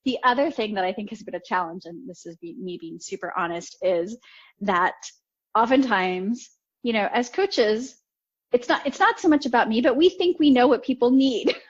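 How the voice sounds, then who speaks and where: A woman coach talking in a casual interview, telling animated stories and laughing often. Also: on the high side, normal speed, slightly rough. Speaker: podcast guest, coach. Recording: slightly dull lo-fi audio.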